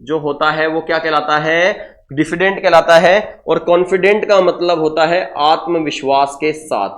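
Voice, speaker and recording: A man's voice: on the high side, fairly even intonation, moderate pace. A man teaching English vocabulary in an online exam-prep lesson, explaining in Hindi mixed with English and often repeating key words. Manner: addresses students as guys and sir, frequent checks like okay.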